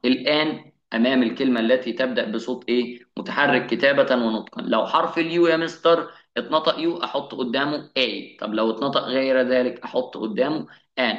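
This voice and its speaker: A man with an Egyptian Arabic accent teaching an English grammar lesson. He asks his students questions, answers them himself, and slows down on each English example. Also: mid-range voice. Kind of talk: classroom-style grammar lesson. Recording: echoey room, slightly dull sound.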